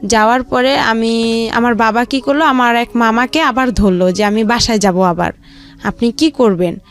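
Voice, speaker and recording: Interviewed informally, a woman from Rangpur, Bangladesh, wanders step by step through the story of her life. Her voice is on the high side and her pace moderate. Background music accompanies the recording.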